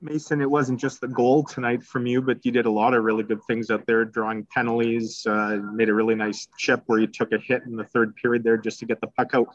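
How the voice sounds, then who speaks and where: A man's voice: mid-range voice, level tone, brisk, few pauses, dry recording, muffled recording. A male sports reporter asking a detailed question at a press conference.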